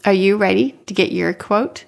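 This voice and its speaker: A woman narrating a scripted story for a moving-company ad, calm and gentle with unhurried phrasing. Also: mid-range voice, vocal fry.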